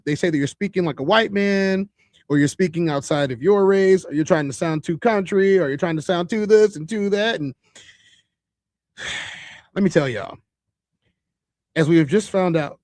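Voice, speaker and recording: Man, podcast host, high-pitched voice, loose conversational talk with restarts, dry close sound. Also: darkish tone, no room sound. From Chicago. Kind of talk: casual commentary to viewers.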